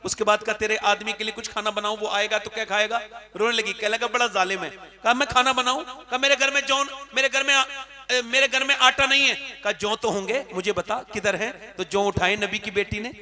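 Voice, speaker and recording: A man preaching an emotional devotional sermon, telling a story that swings from soft narration to shouted climaxes, and calling on the crowd to respond. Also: high-pitched, flat delivery, fairly quick.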